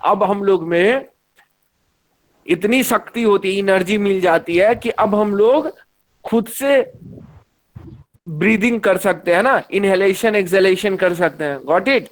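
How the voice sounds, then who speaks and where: A man leads an online science lesson in a fairly high voice. He talks in a lively way and keeps asking the students questions. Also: unhurried, long pauses. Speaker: teacher.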